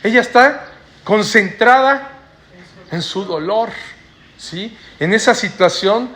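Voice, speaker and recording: Man, sermon, higher voice, forceful tone, rhetorical tag questions. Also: lively intonation, slow. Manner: tags sentences with rhetorical "¿no?". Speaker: preacher. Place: church before a congregation.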